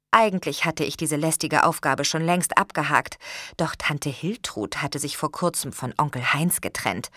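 Low-voiced woman narrating an audiobook. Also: no echo, studio quality. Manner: calm, measured first-person reading.

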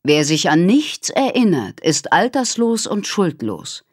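A woman reading aloud voices a mysterious unseen stranger who speaks slowly and low in a coaxing tone. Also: sing-song, breathy edge, no room sound, studio quality, full character voice. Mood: eerie.

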